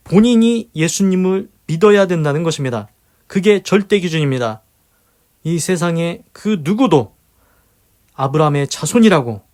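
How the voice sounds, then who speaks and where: An earnest man with a somewhat high voice delivers a devotional sermon. He switches between explaining a passage and praying aloud, hammering his points home through repetition. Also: a little mellow. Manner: earnest, alternates teaching with spoken prayer; emphatic, repeats key phrases. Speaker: preacher leading a daily devotional. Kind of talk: devotional Bible commentary with prayer.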